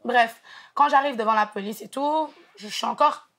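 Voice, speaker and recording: A woman's voice: on the high side, normal speed, a bit bright. A young woman from Montreal, telling a story casually and animatedly, mixing in English slang. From Montreal, Canada. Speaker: guest storyteller.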